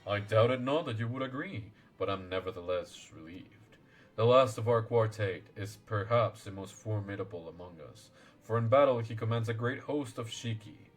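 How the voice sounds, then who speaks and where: A man's voice: on the low side, normal speed, soft background music, voice pushed down, natural voice. A man voicing a wise, courtly old turtle guardian in a fantasy game, with grave, archaic formal speech.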